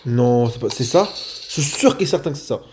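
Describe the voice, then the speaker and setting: A man's voice: medium pitch, expressive, brisk, noisy background. Man thinking aloud over a game. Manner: thinks aloud while playing, talks to viewers playfully. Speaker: gaming video creator. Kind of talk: let's play commentary.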